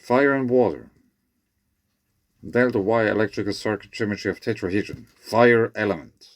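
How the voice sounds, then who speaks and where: A man with whistling s sounds reads his own research paper aloud, breaking off for informal asides in a halting, self-correcting way. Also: fairly low pitch, no room sound.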